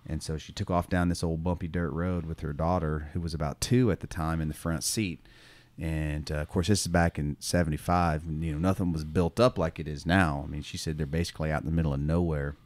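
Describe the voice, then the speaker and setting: A man's voice: rumbling low, fairly quick, dry recording. A man, a schoolteacher co-hosting a podcast, telling a story casually with lots of fillers and the odd laugh. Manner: relaxed, rambling, many fillers like "you know" and "um"; laughs now and then while telling stories.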